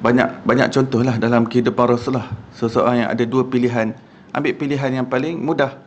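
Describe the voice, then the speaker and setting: A man with a Malaysian accent giving a religious lecture in a mosque hall, telling stories in a lively, conversational way with frequent "ha" and "ya". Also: medium pitch, fast talker, a little hiss or hum. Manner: animated, conversational with frequent "ha" and "ya" fillers.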